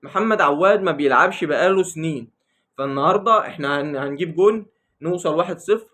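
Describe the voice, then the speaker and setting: A man's voice: fairly high pitch, fast, sharp tone. A man with an Egyptian accent ranting about football in a casual vlog, teasing and repeating his jabs. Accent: Egyptian Arabic. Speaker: football vlogger. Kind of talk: casual football commentary rant.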